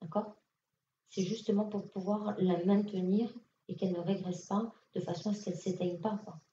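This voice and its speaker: A woman's voice: mid-range voice, steady tone, normal speed, mellow, slight background noise. A woman medium giving casual, direct readings to an audience at a conference, speaking with many fillers. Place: conference hall. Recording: echoey hall, distant lo-fi mic.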